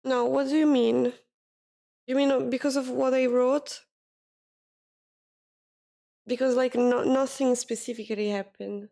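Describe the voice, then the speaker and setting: Woman streamer, high and gravelly, slow, tired and teary, casual chat. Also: steady tone, warm tone. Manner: emotional, thanking viewers, near tears.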